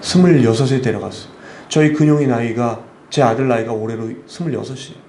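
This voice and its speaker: A man in his fifties, a missionary preacher, delivering an emotional sermon that swings between loud appeals and hushed storytelling. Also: medium pitch, a little fast. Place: church sanctuary. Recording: echoey church hall with faint ambient noise.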